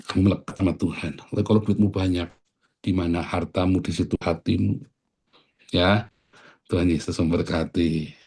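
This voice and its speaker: A male pastor delivering a sermon in an animated way. He swings from loud, raised lines to soft, quiet asides. Casual street slang slips into his preaching. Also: low voice, moderate pace, pauses often, slightly rough.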